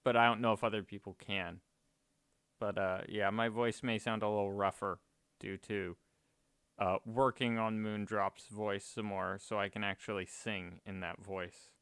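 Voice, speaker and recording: A man streams a game while chatting casually, rambling, correcting himself and letting out small chuckles. His voice is fairly low, level and a bit bright, and he speaks unhurriedly with a clean tone and no echo.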